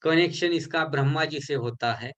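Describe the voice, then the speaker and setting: A man giving a recorded lesson for a healing course, explaining slowly and repeating syllables to show how they are spoken. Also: on the high side, fairly bright tone. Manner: mixes English terms into his explanations.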